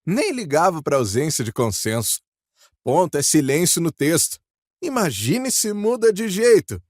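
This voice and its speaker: A man recites a rhyming poem with a lilting, expressive delivery. His voice swings widely up and down and sits a bit high for a man. The sound is close and dry, with no room echo. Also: a little slow. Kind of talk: poetry recitation.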